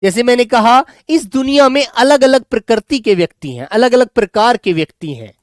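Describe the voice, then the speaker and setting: A male teacher giving a grammar lesson to children, slowly dictating and repeating words so they can write them down, and speaking affectionately to his pupils. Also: extremely high pitch, lively intonation, no room sound, studio quality. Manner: affectionate, calls students "beta".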